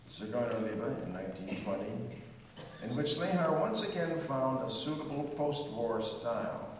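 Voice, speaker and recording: Speaking at medium pitch, an older man delivers a digressive, chatty history of music ahead of a concert, drifting into asides and singing a few fragments of melody. The sound comes from far off in an echoey hall, with slight background noise.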